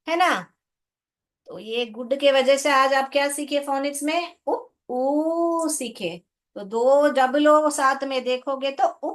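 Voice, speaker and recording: Woman, teacher, slow talker, fairly high voice, patient, classroom explanation. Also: a bit bright. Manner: patient, calls students "beta", asks checking questions; sounds out English words slowly. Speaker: school English teacher.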